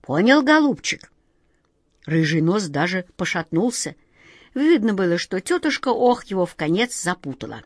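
A woman narrating a fairy tale in a calm, expressive storytelling manner. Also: fairly low pitch, moderate pace, no echo, studio quality. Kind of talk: storybook reading.

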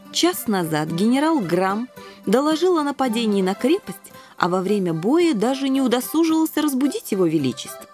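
A woman narrating a children's storybook in a measured, expressive way. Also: fairly high pitch. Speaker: audiobook narrator.

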